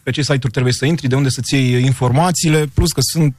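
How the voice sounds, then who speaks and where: A man, a football commentator, talking as a guest in a radio studio interview, explaining his work in a relaxed, fluent way. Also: medium pitch, no room sound.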